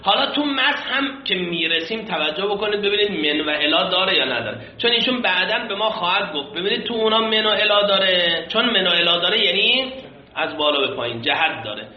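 A man's voice: high-pitched, expressive, echoey room, highs cut off. A man teaching a religious law lesson from an Arabic text, explaining patiently, repeating terms and asking and answering his own questions, with polite formal fillers. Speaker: seminary teacher.

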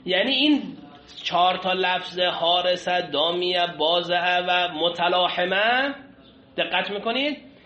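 A male teacher lectures to a class, walking through a text line by line and stopping to quiz his listeners. His voice sits high and sounds very bright and sharp. The room is echoey and the recording sounds dull and lo-fi. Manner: explains step by step, often asks the class questions. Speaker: seminary teacher. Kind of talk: classroom lecture on Islamic law texts. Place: classroom with a whiteboard.

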